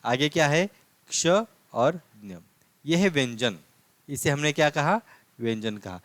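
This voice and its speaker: A man's voice: a little high, expressive, measured pace, fairly bright tone, no room sound. A man teaching a language lesson, patiently repeating points and answering his own questions. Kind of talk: classroom lesson explaining script.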